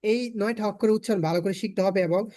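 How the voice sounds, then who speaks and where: A man's voice: high-pitched, fast talker, warm tone, dry recording, clean studio sound. A man with a Bangladeshi Bengali accent teaching an online spoken English class, patiently repeating his points for learners.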